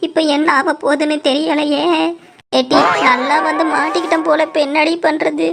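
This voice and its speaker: A woman voicing a bold, bossy village woman in a cartoon, scolding and excitable. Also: high-pitched, moderate pace, creaky, a loud crowd. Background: music.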